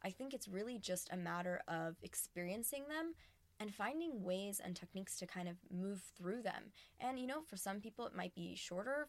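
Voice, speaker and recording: A woman's voice: mid-range voice, creaky, dry recording. A woman hosting a podcast in a casual, conversational and emphatic way, recorded inside a small closet. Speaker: podcast host. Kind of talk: casual solo podcast monologue. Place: small empty closet in a cabin, indoors.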